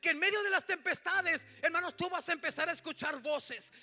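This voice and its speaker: A male pastor preaching a sermon in church. He swings between shouted lines and hushed asides and keeps calling out to his congregation. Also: very high voice, fairly quick.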